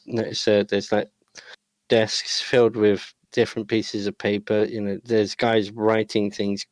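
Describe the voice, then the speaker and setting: A man's voice: lowish voice, a little mellow, no room sound. Man, game master, rambling narration, filler-heavy, dry close sound. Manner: rambling, full of uh and you know.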